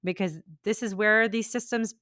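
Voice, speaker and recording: A woman from India hosting a podcast, talking in a reflective, animated way. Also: medium pitch, moderate pace, no room sound, clean studio sound. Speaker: podcast host. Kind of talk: conversational podcast interview.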